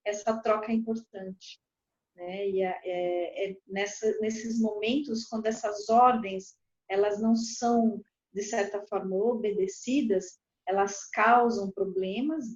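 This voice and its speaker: A Brazilian woman, a lawyer, explaining calmly and acting out quoted dialogue animatedly. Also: mid-range voice, unhurried. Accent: Brazilian Portuguese. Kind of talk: explanatory talk. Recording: dull lo-fi recording.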